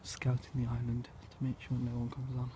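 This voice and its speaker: With a mid-range, monotone voice and fairly quick speech, a teenage boy rambles through a casual camping vlog full of fillers. He holds his phone outdoors in woods beside a lake, where wind noise gets into the recording, and he speaks in hushed tones at night.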